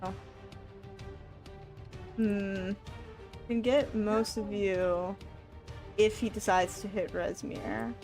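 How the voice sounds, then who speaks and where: A woman running a tabletop roleplaying game as dungeon master, unhurried and laughing often. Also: mid-range voice, fairly even intonation, darkish tone, faint music behind.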